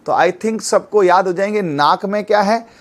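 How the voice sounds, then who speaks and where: A man's voice: high-pitched, normal speed. A man teaching exam students through memory tricks, talking in a chatty way and often checking in with his listeners. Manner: chatty, repeats tag questions like "है ना".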